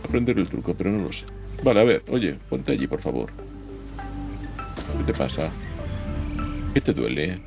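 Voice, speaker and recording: A man's voice: very deep voice, big pitch swings, moderate pace, gravelly, pauses often. A man casually commenting while he plays a building game, chatting and joking with himself and the game. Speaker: gameplay streamer. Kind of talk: casual let's-play commentary. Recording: game music loud behind.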